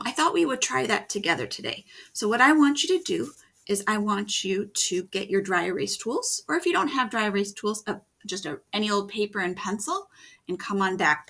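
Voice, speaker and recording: A woman teacher giving a video writing lesson for children, explaining slowly and patiently step by step. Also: mid-range voice, sing-song, gravelly, pushed and bright, husky.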